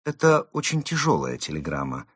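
A man voicing a sinister male gang member speaking through a door, calm and menacing. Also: rumbling low, a little fast, breathy edge, dry recording, clean studio sound, pitched below the performer's own voice, full character voice. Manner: menacing, ominous.

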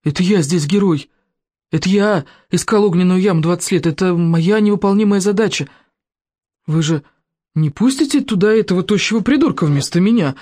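An audiobook narrator voicing a pompous, self-important adult male adventurer who whines in drawn-out, boastful phrases. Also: medium pitch, big pitch swings, darkish tone, close to an everyday voice. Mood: whining. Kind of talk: audiobook character reading.

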